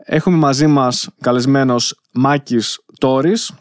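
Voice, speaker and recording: A man's voice: mid-range voice, no echo, clean studio sound. A man hosting a casual interview, talking in loose, rambling sentences. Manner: rambling, many fillers and restarts. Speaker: podcast host.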